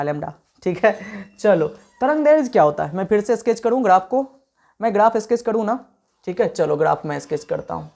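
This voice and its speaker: Animated, playful male physics teacher. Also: high-pitched. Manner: animated, swings between soft and loud speech; playful, teases students. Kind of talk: online class lecture. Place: home at night.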